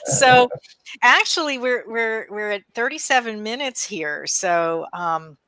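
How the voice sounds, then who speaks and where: A woman's voice: fairly high pitch, lively intonation, slow, sharp tone, no echo, poor audio. A woman hosting a casual livestream over a video call, reading out viewer comments and keeping the talk on time in an easygoing manner.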